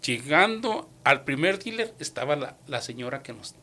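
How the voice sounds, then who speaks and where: Male testimony guest, slightly higher pitch, lively storyteller who acts out the quotes, mixes in English words. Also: moderate pace. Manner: animated, acts out dialogue in his retelling; drops English words into his Spanish. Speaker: guest giving a faith testimony.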